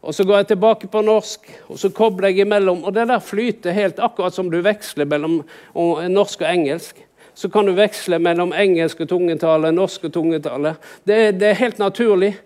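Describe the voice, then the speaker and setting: High-voiced preacher. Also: male voice, fairly even intonation, darkish tone. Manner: conversational preaching, rhetorical questions, rises in pitch for emphasis. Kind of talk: sermon.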